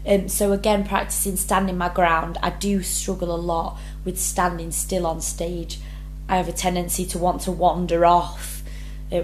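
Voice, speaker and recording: In a poorly recorded clip with slight background noise, a young drama student with a lowish voice works through her rehearsal blog. She reads every prompt aloud and then answers it, earnest throughout and saying um a lot.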